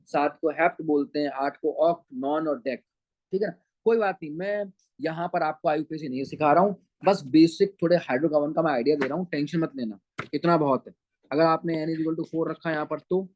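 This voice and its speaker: A man with a Punjabi-flavoured Hindi accent gives an online chemistry lecture in a slightly high voice. The recording is dry and close, without room echo. He calls his students beta and keeps asking whether they have understood. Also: darkish tone. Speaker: chemistry teacher.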